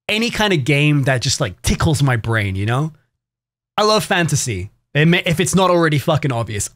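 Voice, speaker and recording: Lively, sarcastic male streamer. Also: fairly high pitch. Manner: sarcastic, swears often, rambling. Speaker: variety streamer. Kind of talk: casual live-stream chat to viewers.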